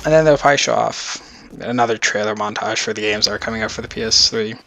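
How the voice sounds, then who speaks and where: A man's voice: lowish voice, fast, creaky, bright, forceful tone. A man rambling casually through his video game predictions in a vlog. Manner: rambling, loose and chatty. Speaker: gaming YouTuber.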